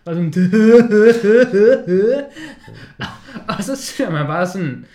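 A man co-hosting a casual film discussion, swearing freely and acting out scenes in quick quoted voices. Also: on the high side, big pitch swings. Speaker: podcast co-host. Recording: roomy echo.

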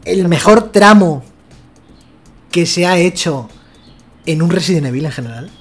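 A man's voice: on the high side, expressive, measured pace, soft background music. A man from Spain with a Spanish accent, co-hosting a casual gaming chat, emphatic and swearing freely. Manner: emphatic, swears freely, says "tío" often. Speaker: podcast co-host. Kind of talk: casual chat about video games.

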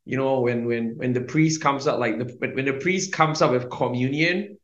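A man's voice: medium pitch, moderate pace, a bit bright. A young man, telling his faith story as a podcast guest in a rambling way, with many fillers, restarts and small laughs. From Singapore. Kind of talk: casual testimony. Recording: roomy, dull lo-fi sound.

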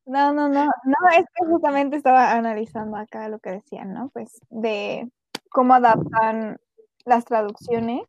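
A woman's voice: fairly high pitch, measured pace, dull audio. A woman, co-hosting a podcast and giving a frank, critical opinion. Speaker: podcast co-host. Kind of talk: casual review chat.

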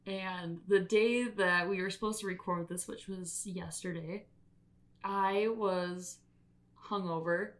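A woman's voice: fairly low pitch, fairly even intonation, takes it slowly. A young adult woman co-hosting a podcast in casual chat, often laughing and swearing casually. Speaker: podcast co-host.

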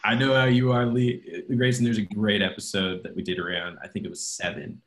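A man's voice: on the low side, fairly even intonation, fairly quick, fairly bright tone, rough recording. A man hosting a casual podcast chat, explaining ideas at length and often checking in with tag questions. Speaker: podcast host.

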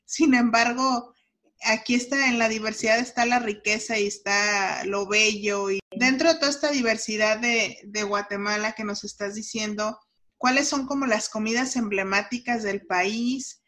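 A woman's voice: on the high side, steady tone, normal speed, a bit bright. A woman from Mexico with a Mexican accent, interviewing a guest and musing aloud with many tag questions. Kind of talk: casual interview.

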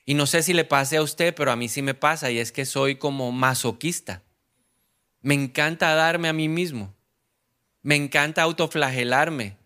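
A man's voice: on the high side, sharp tone. A man preaching a sermon, repeating key words for emphasis and putting questions to the congregation. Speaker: pastor.

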